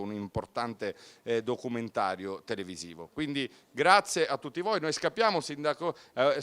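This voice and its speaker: A man's voice: medium pitch, a bit bright, dry recording. A man from Sicily speaking earnestly and emphatically as a local official in a formal live interview, promoting an event.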